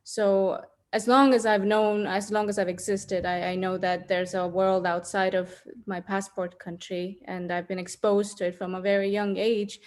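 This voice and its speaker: A woman in her thirties from Estonia, a podcast guest speaking candidly and reflectively, with many ums. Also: medium pitch. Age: 30s. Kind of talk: podcast interview.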